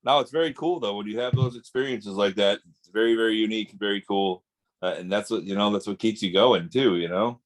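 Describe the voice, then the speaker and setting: A man who investigates the paranormal, talking as an interview guest in an easygoing way. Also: fairly low pitch. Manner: easygoing, laughs often, quick agreeing replies. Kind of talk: casual interview chat.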